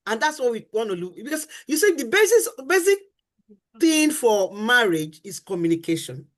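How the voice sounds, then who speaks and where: Very animated at a normal speed, this middle-aged woman with a fairly high voice teaches about marriage on a faith-based talk show. She's earnest and emphatic, repeats her main points, and acts out spouses' complaints.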